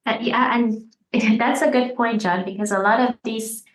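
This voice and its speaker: A woman's voice: on the high side, fairly even intonation. Woman podcast host in a roomy space. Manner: warm praise with laughter and pauses. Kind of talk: casual interview. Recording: roomy echo.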